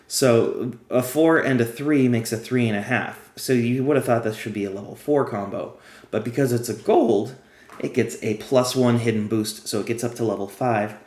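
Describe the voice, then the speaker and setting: A man's voice: medium pitch, moderate pace, a little mellow, echoey room. A man who is losing his voice, chatting casually as he plays and explains a card game step by step. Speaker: game guide creator. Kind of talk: casual gameplay tutorial.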